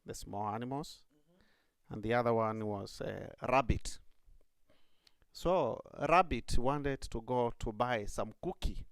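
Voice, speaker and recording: A priest encourages young people in a slow, earnest talk full of fillers. His voice has a gravelly edge. The recording is close and dry. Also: mid-range voice, no echo.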